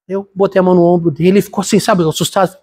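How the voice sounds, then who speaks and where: A man's voice: high voice, flat delivery, very fast, a little mellow, husky. A middle-aged Brazilian man, a pastor, preaching a conversational sermon with a personal story, calling the congregation brothers. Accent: Brazilian Portuguese. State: congested from a cold.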